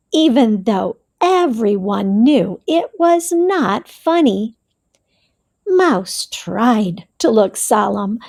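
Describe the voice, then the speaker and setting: A woman reading a picture book aloud to children, slow and expressive, speaking directly to her young listeners. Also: high-pitched. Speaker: storybook reader for children.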